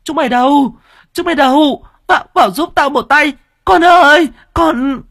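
Man doing a village mother, very high shrill voice, stammering, pleading, wailing. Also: big pitch swings, fast, fairly bright tone, breathy edge, no echo, studio quality, exaggerated voice. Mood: panicked screaming. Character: frantic middle-aged village mother, wailing.

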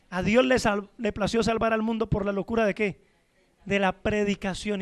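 A man's voice: sits high, fairly bright tone. A male pastor preaching a sermon, pressing his listeners with rhetorical questions and calling them brother.

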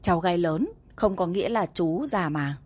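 A woman narrator voicing a cheeky young female student who coaxes and flatters in an audiobook. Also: on the low side, normal speed, breathy edge. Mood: coaxing. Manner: wheedling, playful.

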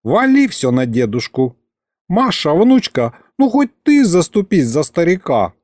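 A man's voice: a little high, huge pitch swings, unhurried, a little mellow, dry recording, clean studio sound, voice pushed up. A man voicing a folksy, complaining old grandfather in a storybook reading. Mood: plaintive. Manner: old-fashioned folksy speech. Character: old grandfather-like male court servant, folksy and plaintive.

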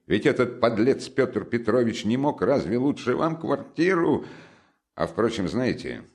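A man's voice: fairly low pitch, darkish tone, lightly acted. A man voicing a drunk, blustering young man in a spoken storybook, rambling and slurred.

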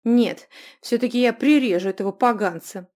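A fiery young woman fighter, put on by a woman reading a story, yells crude threats. Her voice runs high and loud. The delivery is coarse and quick to anger. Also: lightly acted. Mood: furious.

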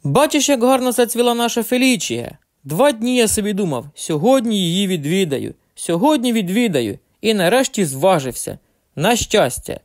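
A man doing a stubborn cheeky old grandpa, raised high. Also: very animated, moderate pace. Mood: delighted. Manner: defiant, teasing.

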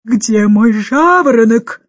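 A woman voicing a domineering older governess who talks loudly and imperiously, in a dull lo-fi recording. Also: medium pitch, measured pace, no echo, close to an everyday voice. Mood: furious. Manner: imperious, loud and scolding.

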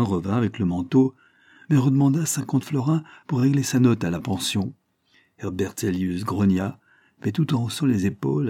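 A man reading an audiobook novel in a measured, literary way. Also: fairly low pitch, mellow, breathy edge, no echo, studio quality. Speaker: narrator. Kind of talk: audiobook narration.

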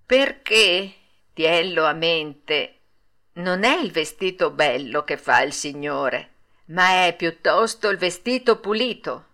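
A woman voicing a poor, kindly old woodcarver in an Italian storybook reading, speaking slowly and gently. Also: fairly low pitch, animated, full character voice. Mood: gentle. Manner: slow, gentle and fatherly.

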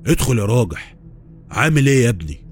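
A man voicing a grieving older father-in-law who consoles his son-in-law gently, in Egyptian Arabic, in a spoken horror story. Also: medium pitch, sing-song, quick pace, soft background music, close to an everyday voice. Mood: tender. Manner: gentle, consoling, religious phrasing.

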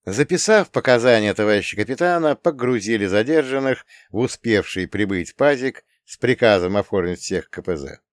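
A male audiobook narrator reads with expressive, lively swings in pitch. His voice is smooth and resonant, and it sounds dry and close to the mic. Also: brisk, hardly any pauses, no echo.

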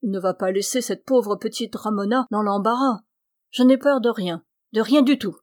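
A woman's voice: medium pitch, moderate pace, dry recording, studio quality, natural voice. A woman voicing an emotional, fearless older mother who talks in a rush in a storybook reading. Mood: determined. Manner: breathless, emotional.

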